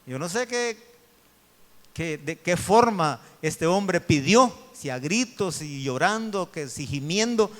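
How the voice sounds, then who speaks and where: A man preaching an evangelical sermon in a church hall, with a fairly high voice. His sound rings with long reverb around the room. He alternates slow, drawn-out shouted phrases with rapid asides to the congregation. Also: lively intonation. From El Salvador.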